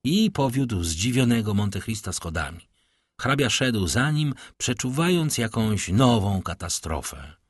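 A man narrating a classic novel in a measured, grave manner. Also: on the low side, big pitch swings, slightly rough, no room sound, clean studio sound. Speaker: audiobook narrator. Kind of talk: dramatic literary narration.

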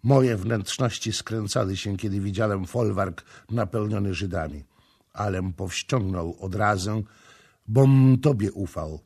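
A stern young prince speaks slowly and coldly, his anger held down, as a male narrator reads him. The voice is low, gravelly and husky. It is audiobook character reading. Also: a little mellow. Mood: wrathful. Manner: slow, measured, menacing.

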